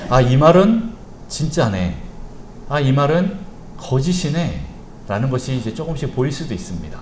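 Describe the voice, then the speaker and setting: A man preaching a sermon as pastor in a church sanctuary, telling stories in an animated, playful way. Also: medium pitch. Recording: echoey church hall, faint hiss.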